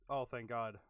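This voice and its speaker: A young man chatting casually while playing a game, reacting with quick exclamations and clearing his throat as he loses his voice. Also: medium pitch, dry recording, studio quality. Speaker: gaming streamer. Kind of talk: casual gameplay commentary.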